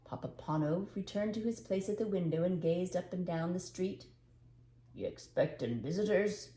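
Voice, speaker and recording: An older woman narrates a storybook expressively at normal speed, her voice warm, mellow and slightly low. The recording sounds roomy and echoey.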